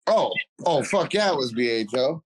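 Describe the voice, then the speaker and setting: A man guesting on a podcast, telling stories in animated, profane casual chat and acting out what others said. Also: medium pitch, moderate pace, low-quality recording. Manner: animated storytelling with acted quotes and swearing.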